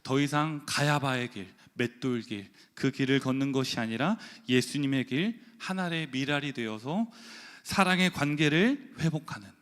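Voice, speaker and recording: A man's voice: mid-range voice, moderate pace, a bit bright. A man preaching a sermon, telling a personal story with acted-out quotes and occasional laughs. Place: church sanctuary. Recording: long church hall reverb.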